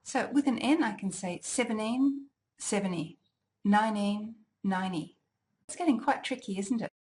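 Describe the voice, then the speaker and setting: A woman teaching a language exam lesson, deliberately enunciating each word for listening practice. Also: mid-range voice, expressive, darkish tone. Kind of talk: slow, clearly articulated lesson.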